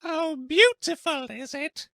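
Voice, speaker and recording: A brash, flirty working-class woman in a game. She is sarcastic and saucy, with a very high voice that sounds close and dry. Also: lively intonation, takes it slowly, bright, forceful tone, dry recording, heavily acted.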